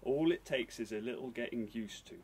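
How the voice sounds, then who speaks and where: A man reading aloud voices the puppet Mister Punch as a sly, menacing, insinuating male figure with a husky tone. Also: mid-range voice, moderate pace, natural voice.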